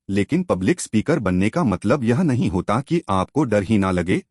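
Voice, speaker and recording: A low, husky male voice narrates a book summary, talking straight to the listener and posing questions. His pitch moves up and down freely, and the recording is dry and close. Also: dry recording. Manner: explanatory, addresses listener directly with questions.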